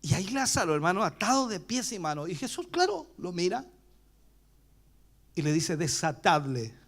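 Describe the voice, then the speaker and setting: A man with a Chilean accent preaches in a church, his voice pitched high and ranging widely as he tells the story. He swings from loud cries down to hushed whispers. He acts out the voices of the people in it as he goes. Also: very animated, normal speed. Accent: Chilean Spanish. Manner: acts out bystanders' voices while retelling. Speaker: pastor. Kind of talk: preached sermon.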